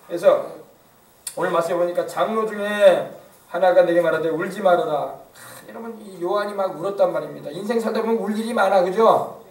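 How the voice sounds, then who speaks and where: A man's voice: high-pitched, fairly quick. A male pastor preaching a sermon, emphatic and often asking the congregation questions. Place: church. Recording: echoey church from far off.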